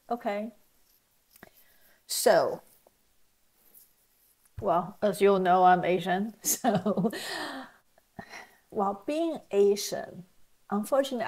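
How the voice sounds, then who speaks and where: A middle-aged woman giving casual reaction commentary, speaking in a halting, reflective way and often rephrasing herself. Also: lowish voice, a little mellow, rough recording. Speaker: reaction video host.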